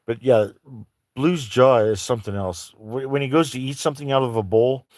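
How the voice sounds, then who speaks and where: A man's voice: mid-range voice, normal speed, darkish tone, no echo, studio quality. Rambling, profane man talking while driving. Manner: rambling and profane, talks to his dogs. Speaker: vlogger. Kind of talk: casual chat while driving. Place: inside a vehicle on private land before dawn.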